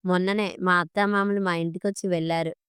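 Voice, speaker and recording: A woman voicing an eager, money-minded young adult man in a storybook reading, talking in an excited, self-satisfied way. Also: on the low side, brisk, clear, resonant tone, no echo, clean studio sound, close to an everyday voice. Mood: pleased.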